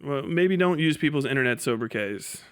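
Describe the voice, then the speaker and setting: A man hosts a casual livestream, rambling bluntly with plenty of profanity and muttered asides to himself and chat. His medium-pitched voice is a bit bright, with lively intonation at a normal speed.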